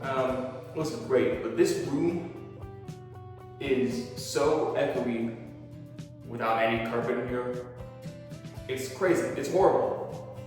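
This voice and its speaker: A man's voice: mid-range voice, takes it slowly, pauses often, darkish tone, faint music behind. A man narrating his home renovation casually, his voice echoing like in a cave off a bare room with no carpet. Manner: chatty and self-deprecating. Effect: cave-like echo in a bare, uncarpeted room. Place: empty room with bare floor, indoors.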